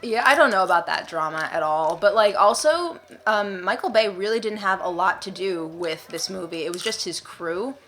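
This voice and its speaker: A woman's voice: medium pitch, animated, moderate pace, few pauses, fairly bright tone, slight background noise. A young woman co-hosting a casual chat, rambling with lots of fillers and restarts. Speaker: co-host. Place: indoors, eating popcorn.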